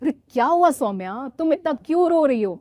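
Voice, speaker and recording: Brief: a woman playing a flustered young husband, bright and lively, pleading and defensive. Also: sits high, fairly quick, no room sound, clean studio sound, voice pushed up. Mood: puzzled.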